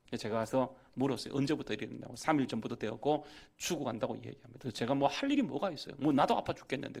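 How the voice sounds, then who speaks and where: A man's voice: medium pitch, gravelly, husky. A man preaching a storytelling sermon as a guest pastor in a church, acting out the voices in his story and rising to emphatic exhortation. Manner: animated, acts out dialogue, rising to emphatic preaching. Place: church sanctuary.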